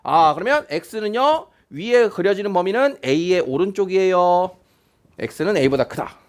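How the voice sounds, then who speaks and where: A man's voice: high-pitched, lively intonation, slow pace. A male math teacher explaining a lesson, asking questions and repeating key points to check that students follow. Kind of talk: classroom math lecture.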